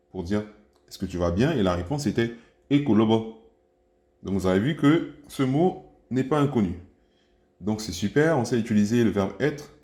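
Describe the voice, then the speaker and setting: A man teaches a language lesson online in a warm, mellow voice. He goes patiently and encourages his listeners, repeating each phrase slowly. His voice rings out in a roomy, echoing space. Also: on the low side. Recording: echoey room.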